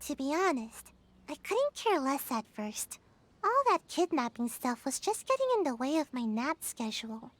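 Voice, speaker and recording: A woman voicing a small, childlike girl ninja in a video game, drowsy and lazy yet cocky. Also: high-pitched. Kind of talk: English video game voice acting.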